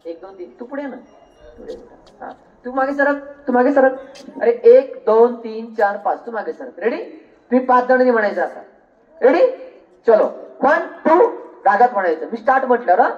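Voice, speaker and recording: A man's voice: very high-pitched, expressive, a little fast, distant mic, lo-fi sound. A man teaching an acting workshop to children, giving directions and counting aloud in a coaxing, directive way. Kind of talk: instructing children in a class.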